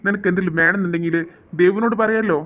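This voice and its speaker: A woman's voice: medium pitch, fairly even intonation, rapid-fire, fairly bright tone, close to an everyday voice. A woman with a Malayali accent playing a family elder who talks in a coaxing, pleading way. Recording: dull, noisy lo-fi audio.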